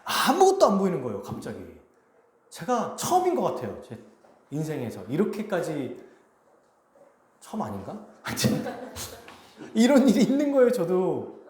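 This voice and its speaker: A man, a pastor, preaching a sermon and telling a personal story in an animated way, acting out the lines he quotes. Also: on the high side, a little slow, pauses often. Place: church sanctuary. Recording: echoey church hall.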